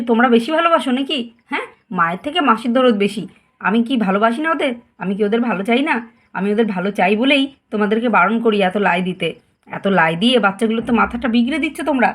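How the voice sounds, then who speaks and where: A woman's voice: mid-range voice, brisk, lightly acted. Woman playing a stern scolding mother. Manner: sharp, scolding. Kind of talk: doll story voice acting.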